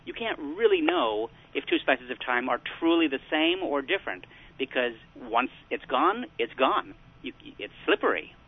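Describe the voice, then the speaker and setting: A man's voice: fairly high pitch, very animated, moderate pace, creaky, husky, narrow, tinny audio. A man speaking as a popular science writer on a radio interview, explaining with enthusiasm and a lot of restarts.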